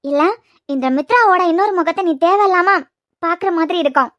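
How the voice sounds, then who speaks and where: A woman voicing a sharp-tongued, defiant young woman in a Tamil cartoon series with a Kanyakumari accent. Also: a little fast. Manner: scolding, high-pitched retorts. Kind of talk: cartoon web series voice acting.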